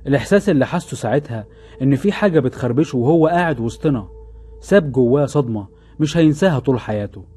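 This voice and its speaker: Warm, slightly breathy and mid-range, this man's voice moves quickly and expressively. He narrates scripted first-person horror stories in a suspenseful style, with an Egyptian Arabic accent and music beneath him.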